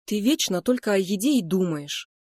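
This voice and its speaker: A woman voicing a hot-headed young male twin mage, shrill and exasperated. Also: lively intonation, moderate pace, darkish tone, no echo, studio quality, lightly acted.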